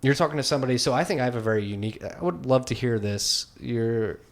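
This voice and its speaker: Hosting a laid-back conversational podcast interview, a man in his twenties talks fast in a creaky, mid-range voice. He rambles loosely and leans heavily on the word "like".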